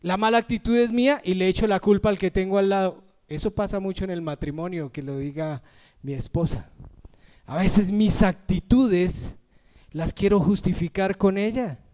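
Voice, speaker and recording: A man preaching a lively, emotional sermon as pastor, raising his voice when moved and acting out quick everyday voices. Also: high voice. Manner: acts out everyday voices in asides.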